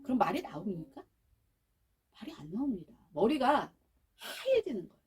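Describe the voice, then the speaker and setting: A woman's voice: a little high, normal speed, husky. A middle-aged woman giving a lecture on speaking and parenting, telling stories and acting out the people in them. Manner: animated storytelling, acting out quoted voices. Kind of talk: lively lecture with anecdotes.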